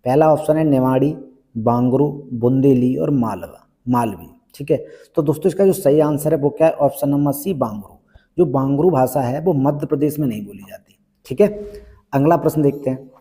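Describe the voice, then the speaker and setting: Man, exam prep teacher, repeats questions and answers, very dark tone, reverberant hall. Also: medium pitch, moderate pace.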